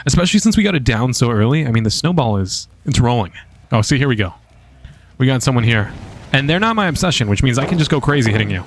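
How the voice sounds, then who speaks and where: A man streaming a video game and commentating live, casual and excitable, swearing freely. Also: medium pitch, slight background noise.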